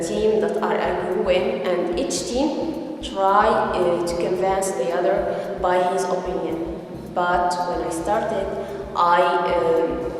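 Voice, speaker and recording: A woman's voice: mid-range voice, a little mellow. A young woman, a student, speaks earnestly, with frequent fillers as she reflects on a workshop. Her voice rings out in a large hall with a long, echoing reverb. A faint background hum sits beneath it. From Morocco. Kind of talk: spoken testimonial.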